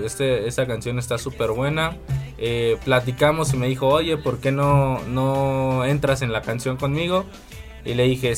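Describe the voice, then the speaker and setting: A man in his twenties from Mexico City, a concert promoter and singer, answering interview questions earnestly and at length. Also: medium pitch. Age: 20s. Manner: earnest, explanatory, slow in places.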